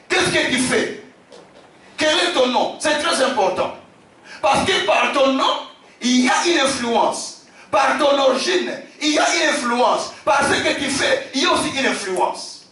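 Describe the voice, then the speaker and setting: A man from Africa, a bishop preaching a sermon, emphatic, repeating his phrases and shouting key lines. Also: very high-pitched, animated, a little slow, slight background noise. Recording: very echoey hall, distant from the mic.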